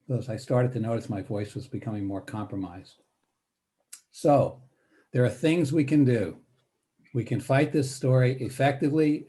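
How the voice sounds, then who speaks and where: Older male presenter, mellow low tone, measured workshop delivery with deliberate pauses and shifting emphasis. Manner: deliberate, pausing between phrases; demonstrates varied word emphasis. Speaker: guest presenter on speech strategies. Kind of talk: spoken workshop talk with demonstrations.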